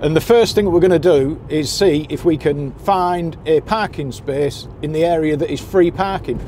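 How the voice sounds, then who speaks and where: Speaking at a moderate pace in a mellow, slightly high voice, a boat skipper's guide gives anglers practical, chatty directions as he drives. Car and road noise run under his casual commentary.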